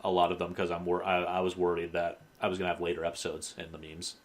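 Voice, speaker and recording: This is a man co-hosting a casual podcast. His voice sits fairly low, and he talks in a dry, teasing manner. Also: completely flat delivery, quick pace. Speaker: podcast co-host.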